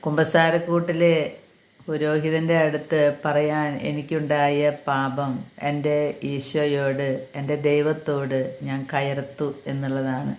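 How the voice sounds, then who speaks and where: Earnest low-voiced woman in an echoey room. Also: monotone, measured pace. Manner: earnest, calls listeners dear brothers and sisters. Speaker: catechism teacher sharing a testimony. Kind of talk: personal religious testimony.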